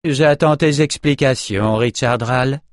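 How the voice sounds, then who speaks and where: A fierce sorceress scolds her former pupil in a raised, higher voice, voiced by a man reading an audiobook. She sounds exasperated and indignant. The recording is dry and close. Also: a little slow, dry recording, natural voice. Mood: demanding.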